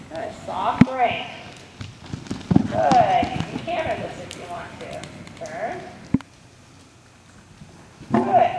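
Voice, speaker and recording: A woman riding coach calling out short, repeated instructions across a large indoor arena, recorded from a distance. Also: sits high. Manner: repetitive short commands. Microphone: distant camera microphone. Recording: distant, very echoey indoor arena, some noise.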